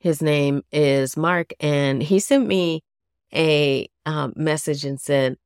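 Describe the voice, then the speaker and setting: A woman hosting a solo podcast, gentle and chatty, slightly nasal and laughing at herself. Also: deep voice, slow pace, smooth, no room sound, studio quality. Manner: gentle, chatty, self-deprecating. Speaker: podcast host.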